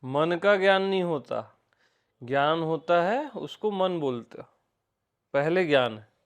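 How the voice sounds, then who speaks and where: An Indian man leads a relaxed satsang, speaking slowly and unhurriedly. His voice sits a little high for a man. He keeps returning to the same words and puts questions to the people in front of him. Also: smooth. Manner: repetitive, questioning, conversational teaching. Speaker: spiritual teacher. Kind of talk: informal satsang discourse.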